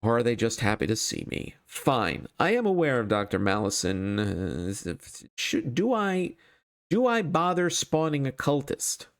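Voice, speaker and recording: A man's voice: medium pitch, sing-song, a little slow. A man thinking aloud as he hosts a solo card game playthrough, casual and wryly self-deprecating.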